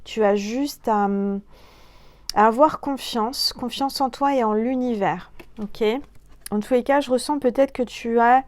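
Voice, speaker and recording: A woman gives a relaxed spiritual card reading into her phone. She speaks to the viewer as "you" and fills her pauses with "euh" and "alors". The sound is dry and close, with almost no room around her voice. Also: a little high, dry recording. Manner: chatty, hesitant, many fillers, addresses viewer directly. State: coughing, throat irritated. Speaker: tarot and oracle card reader.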